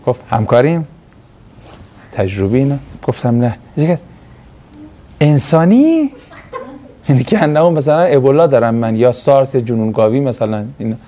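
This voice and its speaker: A middle-aged man teaching a class, telling a story with lively delivery and acting out the voices of the people in it. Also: medium pitch, long pauses. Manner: animated storytelling, acts out quoted voices, laughs. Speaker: teacher of Islamic studies class. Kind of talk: classroom lecture with anecdotes.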